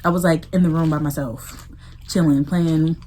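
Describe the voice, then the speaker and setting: A woman's voice: low voice, fairly even intonation, normal speed, dark tone, slight background noise. A young American woman chatting in a laid-back, slangy way, sharing stories casually in a mukbang video. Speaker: vlogger. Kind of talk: casual storytime chat during a mukbang.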